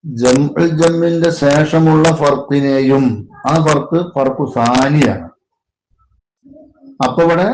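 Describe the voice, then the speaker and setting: Man, Malayalam accent, religious teacher, slow careful parsing, echoey room. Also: mid-range voice, a little mellow. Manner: slow, deliberate parsing with Arabic terms. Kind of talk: explaining classical Arabic poetry grammar. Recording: echoey room with faint noise.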